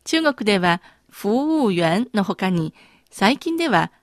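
Slow, careful woman language instructor. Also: mid-range voice, sing-song, no echo, clean studio sound. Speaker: native-speaker language instructor. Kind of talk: radio language lesson.

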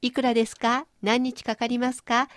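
Clean studio audio with no echo carries a woman's slightly high voice, which moves little in pitch and keeps a moderate pace. As host and language teacher of a radio-style lesson, she explains pronunciation with playful everyday images.

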